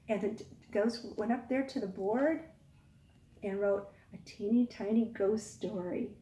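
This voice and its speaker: A woman teacher leads storytime for young children, coaxing them along in a sing-song voice and asking them questions. Her pitch is fairly high and a little mellow. The microphone is distant, giving a roomy echo, and there's slight background noise.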